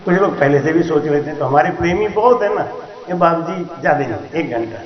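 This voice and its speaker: At a night gathering, a man with a fairly high voice sings devotional verses in slow, drawn-out lines, then preaches quickly and lively to the crowd through a handheld mic. It's a satsang sermon, and the recording sounds roomy and lo-fi.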